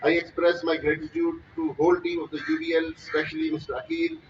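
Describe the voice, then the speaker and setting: A man's voice: fairly high pitch, big pitch swings, far from the mic, dull audio, a little hiss or hum. A man, a bank executive, giving a ceremony speech and switching between English and Hindi-Urdu. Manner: fast, mixing English and Hindi-Urdu phrases.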